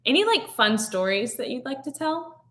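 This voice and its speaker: A woman's voice: high-pitched, very animated, normal speed, a bit bright. A young woman co-hosting a travel channel livestream, chatting in a bubbly way and laughing often. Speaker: travel vlogger co-host. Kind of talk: casual livestream chat.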